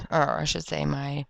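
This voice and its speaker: A woman's voice: low voice, creaky, no echo. A woman chatting casually through a scrapbooking tutorial at her craft table, rambling and correcting herself, with the hiccups. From Florida. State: has the hiccups. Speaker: scrapbooking video creator.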